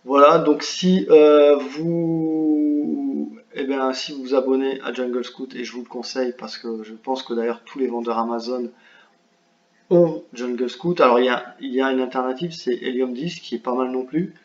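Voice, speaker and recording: A man giving a screen-share software tutorial, talking hesitantly with many fillers and restarts. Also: medium pitch, steady tone, normal speed. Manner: apologetic about his English pronunciation. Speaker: online business tutor. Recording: roomy, slightly dull home recording.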